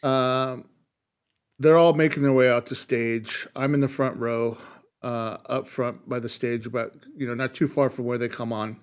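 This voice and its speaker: A man's voice: medium pitch, steady tone, clean tone. A man co-hosting a podcast, telling stories in casual chat with frequent fillers and restarts. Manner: storytelling, halting with fillers. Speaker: podcast co-host.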